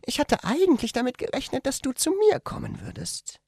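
A man voicing a shy, gentle young woman in a strained high falsetto, speaking softly like a lover in a read-aloud story. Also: huge pitch swings, fairly quick, gravelly, husky, no echo, studio quality, exaggerated voice. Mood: tender.

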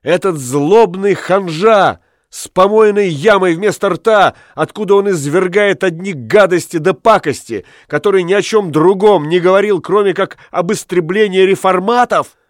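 A man reading aloud voices a heartbroken jealous husband in a storybook, shouting and ranting. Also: high-pitched, normal speed, dry recording, studio quality, pitched above the performer's own voice, natural voice. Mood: raging.

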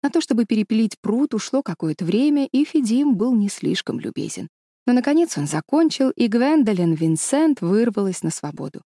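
Woman reading a kids' story out loud, calm steady narration, warm darkish voice, dry close mic. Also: on the high side, normal speed, dry recording. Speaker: audiobook narrator.

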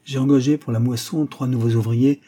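A man reads an old estate steward in an audiobook, eager to please and quick to worry. The voice is mellow and husky, earnest throughout. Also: medium pitch, fairly even intonation, close to an everyday voice. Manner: earnest, easily surprised. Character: old male estate steward, anxious, deferential. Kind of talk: audiobook character reading.

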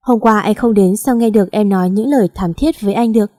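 A woman reading the lines of a teasing, blunt ex-lover in his thirties in an audio story, in a dark, mellow voice. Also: medium pitch, fast talker, no room sound, clean studio sound, close to an everyday voice. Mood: reproachful. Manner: read plainly in the narrator's own voice.

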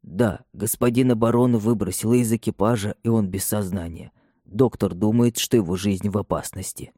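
Серьёзный управляющий имением почтительно и приглушённо рассказывает о несчастье, его читает мужчина. Голос тёмный и мягкий, запись сухая и близкая. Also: male voice, lowish voice, fairly even intonation, moderate pace, dark tone, no room sound, studio quality, close to an everyday voice. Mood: grave. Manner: subdued, respectful. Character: grave male estate steward bearing bad news.

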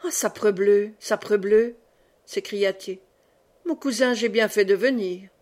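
A woman's voice: mid-range voice, measured pace, lightly acted. A woman reading as a sneering sly knight. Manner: sneering, self-satisfied. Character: sly mocking male knight.

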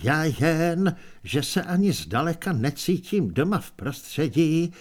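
A man voicing a nervous, cowardly wizard who speaks in a measured, anxious way. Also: fairly high pitch, sing-song. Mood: fretting.

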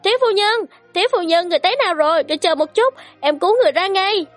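A woman's voice: extremely high pitch, fast talker, soft background music, pitched above the performer's own voice. A woman voicing a frantic young maidservant girl calling out shrilly and urgently, in a storybook reading.

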